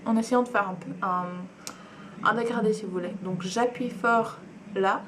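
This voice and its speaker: A woman's voice: fairly high pitch, moderate pace, noisy background. A young woman, chatting enthusiastically through a makeup tutorial at home, with frequent fillers and asides. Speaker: beauty vlogger.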